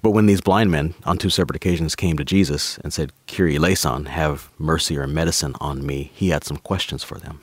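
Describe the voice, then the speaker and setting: A man's voice: a bass voice, fairly quick, few pauses, no room sound. A man, a pastor and author, guesting on a faith podcast, explaining scripture in an enthusiastic conversational way. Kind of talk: conversational teaching.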